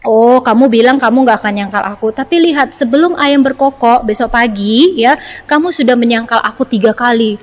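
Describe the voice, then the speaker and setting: A woman voicing Jesus, a calm, knowing grown man, in a children's Bible story. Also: on the high side, a little fast, close to an everyday voice. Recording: roomy, long reverb.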